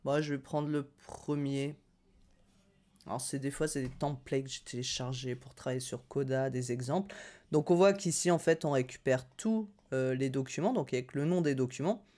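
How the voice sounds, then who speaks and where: A woman's voice: extremely low pitch, normal speed, mellow. Woman, upbeat no-code tutorial host, casual and chatty, hesitant fillers. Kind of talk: casual screen-share tutorial.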